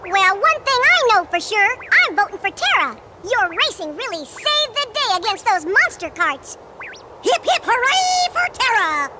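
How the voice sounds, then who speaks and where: Chip, a squeaky excitable little chipmunk. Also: female voice, moderate pace, heavy background noise. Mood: excited, cheerful. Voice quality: squeaky, cartoonish. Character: small excitable male cartoon chipmunk, feisty and cheerful. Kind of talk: animated video game voice acting.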